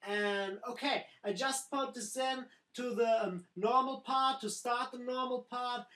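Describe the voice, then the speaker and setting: Woman, music software tutorial, slow delivery, simple repeated phrasing, roomy echoey recording. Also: a little high. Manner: simple phrasing, doubling words like "very, very nice".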